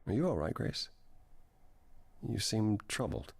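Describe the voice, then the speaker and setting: A dramatic male god in a game. His voice is very deep and husky, and it rises and falls widely. He talks in a measured, evasive way. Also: very animated, darkish tone, full character voice. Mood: guarded.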